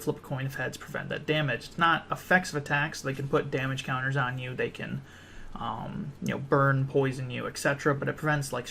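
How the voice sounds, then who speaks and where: A tired young man talks casually through a card game deck, his voice gravelly and full of fry. He rambles, restarts his sentences and fills the gaps with ums. A faint hiss of noise sits under the recording. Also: medium pitch, fairly bright tone.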